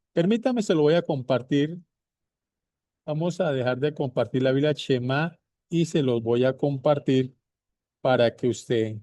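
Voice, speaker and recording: Male Bible teacher, unhurried and repetitive, dark mellow tone, dry close sound. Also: medium pitch, no echo. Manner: repeats points slowly, addresses viewers directly. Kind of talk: slow deliberate bible teaching.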